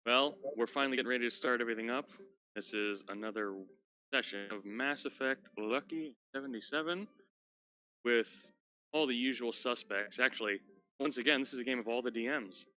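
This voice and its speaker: A man's voice: mid-range voice, fairly quick. A man in casual pre-game chat, upbeat as he introduces the session. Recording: slightly dull lo-fi mic.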